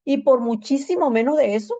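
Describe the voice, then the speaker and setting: A woman's voice: sits high, expressive, brisk, mellow, lo-fi sound. A woman pastor preaching a sermon, emphatic and repeating phrases for stress.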